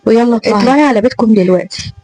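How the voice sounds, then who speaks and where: A woman with an Egyptian accent voicing a cold, threatening young male teacher who speaks harshly and with contempt, at a quick pace. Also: a little high, warm tone, poor audio. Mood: contemptuous. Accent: Egyptian Arabic.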